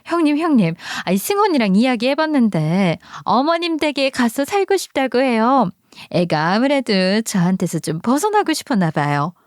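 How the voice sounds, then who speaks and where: Woman doing a gushing, flattering sister-in-law. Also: fairly high pitch, moderate pace, no room sound, clean studio sound, pitched above the performer's own voice. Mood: chatty. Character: sweet-talking younger sister-in-law, eager.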